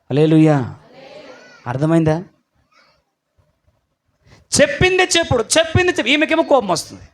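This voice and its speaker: A man's voice: high-pitched, huge pitch swings, normal speed. A man preaching a sermon to his church congregation, acting out little dialogues and calling on the people to respond. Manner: acts out short dialogues, calls out to the congregation. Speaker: pastor.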